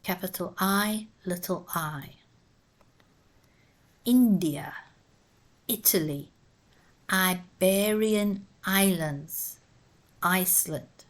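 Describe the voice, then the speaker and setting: Woman teacher, very slow and measured, low-pitched voice, spells words out letter by letter. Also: fairly bright tone. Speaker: English teacher. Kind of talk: slow, careful pronunciation lesson.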